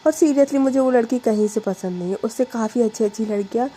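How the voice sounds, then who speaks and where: A woman's voice: on the high side, brisk, mellow, a little hiss or hum, close to an everyday voice, poor audio. A woman voicing a stubborn young working woman who answers back defiantly in a storytelling reading. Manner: defiant, sulky.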